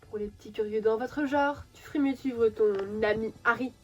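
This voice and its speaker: Give me a deadpan gothic teenage girl, dry and teasing, as a woman voices her, with a flat, ironic delivery and a fairly high voice for a fan-made voice drama. Soft music sits faintly behind her. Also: brisk, dull audio, close to an everyday voice.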